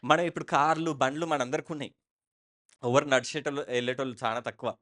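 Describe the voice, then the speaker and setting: A man's voice: medium pitch, steady tone, fast, fairly bright tone. A man preaching a church sermon with a Telangana Telugu accent, emphatic and repetitive, calling out to the congregation for responses.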